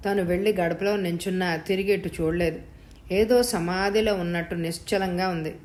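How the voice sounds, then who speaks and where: A woman narrating a novel episode in a calm, even storytelling manner. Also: on the low side, normal speed. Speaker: audiobook narrator. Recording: roomy echo.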